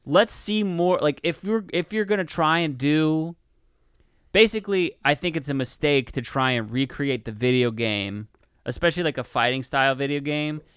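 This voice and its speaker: A man co-hosts a podcast, chatting casually about a film while rambling, swearing, and dropping "like" constantly. His voice sits fairly high and sounds a bit bright, clear, and resonant at a moderate pace. The recording is dry, with clean studio sound.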